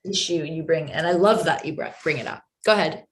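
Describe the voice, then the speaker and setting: A woman with a somewhat low voice leads an online group discussion. She talks thoughtfully and summarizes at length, with frequent pauses and fillers. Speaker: moderator. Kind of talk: casual discussion on a video call. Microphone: video call.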